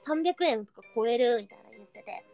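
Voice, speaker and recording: A woman live streamer in casual chat, reading viewer comments and reacting with quick surprised asides, speaking standard Japanese with occasional Kansai dialect slipping in. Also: on the high side, animated, vocal fry, a little mellow, soft background music.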